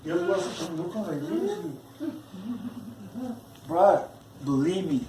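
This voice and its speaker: Man, non-native English speaker, religious testimony, slow halting delivery, repeated restarts, echoey room. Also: sits high, huge pitch swings, dark tone, a little hiss or hum. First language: not English. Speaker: churchgoer giving a personal testimony. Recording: roomy, from some distance off the mic.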